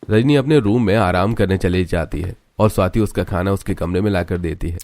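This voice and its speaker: Low-voiced male storyteller. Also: brisk, dry recording, soft background music. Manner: steady storytelling. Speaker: narrator. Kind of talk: scripted story narration.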